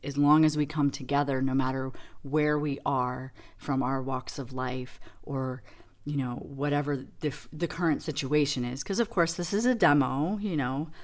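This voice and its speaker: A woman's voice: a bass voice, steady tone, moderate pace. A woman giving a casual tarot reading demo, reflective and rambling with many fillers. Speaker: tarot reader.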